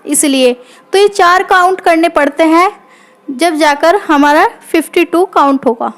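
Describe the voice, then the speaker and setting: Woman teacher, very high voice, patient explainer who keeps checking in with the class. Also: measured pace, a bit bright. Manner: patient, repeats points, checks in with "theek hai". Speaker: Hindi teacher. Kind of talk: classroom lesson explaining grammar.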